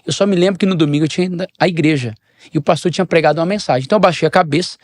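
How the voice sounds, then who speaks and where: Rapid-fire delivery marks this podcast interview, where a middle-aged pastor from Brazil relates a personal story and performs the dialogue. His pitch and level keep shifting in lively storytelling, captured as clean studio sound with no room noise.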